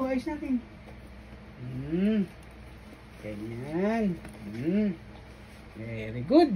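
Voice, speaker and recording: A mother in a casual home video, gently coaxing her toddler son and repeating simple questions over and over. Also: sits high, slightly rough, low-quality recording.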